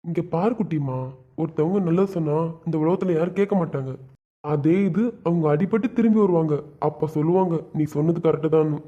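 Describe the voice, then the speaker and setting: A man's voice: on the high side, fairly quick, natural voice. A man voicing a stern but loving young husband in a cartoon, firm and lecturing. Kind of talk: cartoon web series voice acting. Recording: dull lo-fi sound.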